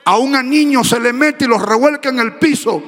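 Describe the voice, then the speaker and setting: A man preaching a fiery sermon as a pastor, shouting and half-singing his phrases. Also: extremely high pitch, normal speed, big-room sound. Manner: speaking in tongues.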